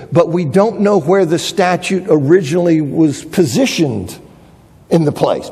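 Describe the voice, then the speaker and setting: A man's voice: fairly high pitch, mellow, slightly rough, big-room sound. A man teaching a lesson on biblical archaeology, thinking aloud with frequent restarts and reading quotations aloud. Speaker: Bible teacher.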